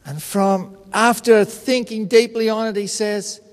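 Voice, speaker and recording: A man preaching a sermon in an unhurried, conversational and personal way, telling stories. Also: sits high, fairly even intonation, in a large hall. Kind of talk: sermon with storytelling.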